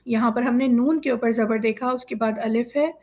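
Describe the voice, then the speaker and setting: A woman with a slightly raised voice leads a Quran reading class, pronouncing each syllable slowly and clearly. She explains each rule patiently and step by step, as if speaking over a video call. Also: fairly high pitch, fairly even intonation, darkish tone. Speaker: Quran teacher. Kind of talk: slow syllable-by-syllable drilling lesson.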